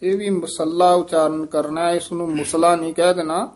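A man's voice: a little high, fairly even intonation, fairly quick. A man teaching scripture recitation, patiently repeating words and stressing how each should be pronounced. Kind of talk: correcting pronunciation in a recitation lesson.

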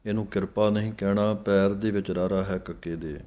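Man, low voice, flat even delivery, slow measured recitation teacher. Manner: slow, measured, chants lines then explains each word. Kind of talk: slow pronunciation lesson on scripture.

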